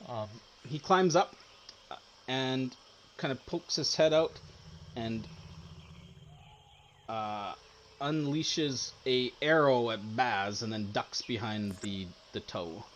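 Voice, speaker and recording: Unhurried man running a tabletop game. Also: medium pitch, fairly bright tone, a little hiss or hum. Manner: unhurried, hesitant, laughs often. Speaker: dungeon master.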